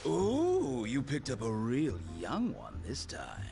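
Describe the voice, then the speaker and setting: A man's voice: mid-range voice, wildly swooping pitch, slow, gravelly, mellow, full character voice. A man playing a teasing, protective, flamboyant bar proprietor in a video game, with an arch drawl. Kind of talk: video game dialogue acting. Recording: background music under dialogue.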